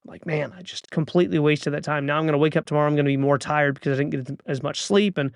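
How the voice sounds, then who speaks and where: A man's voice: on the high side, fast talker, gravelly, no echo, studio quality. A man in his thirties hosting a podcast, delivering an earnest motivational monologue with urging, repeated calls to action. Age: 30s. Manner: earnest, urging, repetitive exhortations. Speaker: podcast host.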